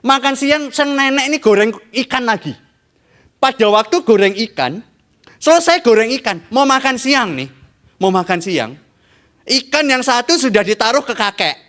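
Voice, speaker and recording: Animated preacher, high voice. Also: male voice, normal speed. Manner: animated, playful, addresses the congregation often. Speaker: pastor. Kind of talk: humorous sermon storytelling.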